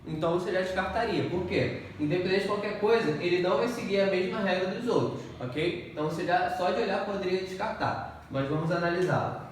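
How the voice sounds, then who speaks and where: A man teaching exam-focused grammar talks fairly quickly in a high voice, barely pausing as he explains each step and regularly checks on his class. The room is echoey, the mic far away, and faint noise is present.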